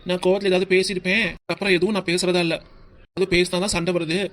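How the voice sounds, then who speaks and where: Brief: voice actor as a gruff cartoon dad, stubborn, quick-talking. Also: mid-range voice, little pitch movement, a bit bright, lightly acted. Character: stubborn middle-aged father. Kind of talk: cartoon voice acting.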